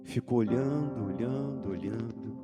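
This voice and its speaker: A man preaching a sermon dramatically, swinging between loud, half-sung phrases and hushed, low storytelling. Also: unhurried. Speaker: pastor. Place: church sanctuary. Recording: long church-hall reverb with music behind.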